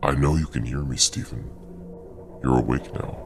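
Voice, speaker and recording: A man voicing a possessed girlfriend talking in her sleep, low, gravelly and slowly menacing, in a horror story. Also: fairly even intonation, music in the background. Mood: slow menace. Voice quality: low, gravelly, barely human. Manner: sleep talking, slow and threatening.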